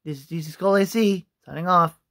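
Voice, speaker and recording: A young man giving a casual, halting explainer to camera, often repeating himself, on a phone held at arm's length indoors. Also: sits high, bright, forceful tone. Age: young adult. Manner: halting, repetitive. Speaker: vlogger. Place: small room indoors.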